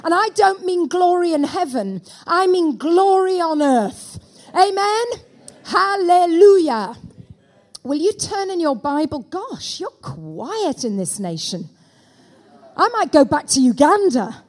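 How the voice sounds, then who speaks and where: A woman preaches a sermon into a pulpit microphone in a church, her voice sitting high. She calls out for amens from the congregation. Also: very animated, takes it slowly.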